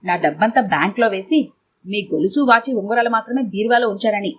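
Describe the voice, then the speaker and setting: A woman's voice: medium pitch, a little fast, slightly rough, natural voice. Woman voicing a stubborn money-minded wife. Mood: stubborn firm.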